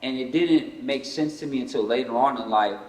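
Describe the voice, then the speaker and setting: A man's voice: medium pitch, a little fast. Reflective man in his thirties, echoey room. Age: 30s. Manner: reflective, candid storytelling. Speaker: podcast host. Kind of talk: casual podcast conversation. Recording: echoey room with long reverb.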